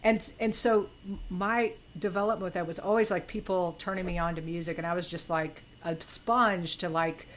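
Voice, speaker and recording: A fairly low-voiced woman chats casually, stumbling over restarts and leaning on plenty of fillers. A faint hiss of noise sits under her voice. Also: fairly even intonation. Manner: halting, with many fillers and restarts. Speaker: co-host. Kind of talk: casual chat.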